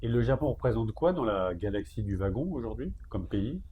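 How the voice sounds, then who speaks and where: A man's voice: lowish voice, big pitch swings, brisk, narrow, tinny audio, a little hiss or hum. A man interviewing a guest conversationally, feeling his way into questions and restarting them mid-sentence.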